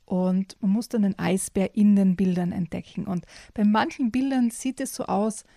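A woman's voice: medium pitch, normal speed, gravelly, mellow, no echo, clean studio sound. Enthusiastic woman reviewing children's books. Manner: enthusiastic, with frequent fillers. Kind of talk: casual book chat.

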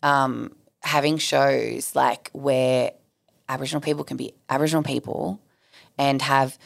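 A woman's voice: very deep voice, steady tone, moderate pace, gravelly. A woman with a Sydney Australian accent chatting casually and candidly as a guest, blunt and slangy. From Southwest Sydney, Australia. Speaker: podcast guest.

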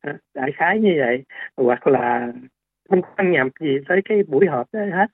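A man's voice: on the high side, lively intonation, moderate pace, dry recording. A man, a doctor explaining things on a radio interview, hesitant with many fillers and restarts. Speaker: doctor guest. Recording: tinny phone-like radio line.

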